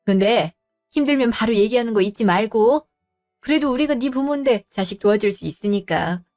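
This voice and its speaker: A woman's voice: a little high, lively intonation, brisk, a little mellow, soft background music. A woman doing a fussing older mother. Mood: tender. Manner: fussing, tender.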